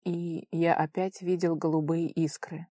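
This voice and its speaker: A woman voicing a worried young male friend who speaks grimly and in a hushed, hurried way. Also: fairly low pitch, level tone, dry recording, clean studio sound.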